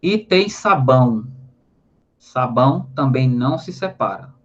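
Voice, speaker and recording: Expressive and unhurried, a man with a mid-range voice and a Brazilian Portuguese accent teaches grammar in a recorded online lesson. The Brazilian teacher often spells out syllables and tosses in tag questions. The sound quality is slightly dull and lo-fi.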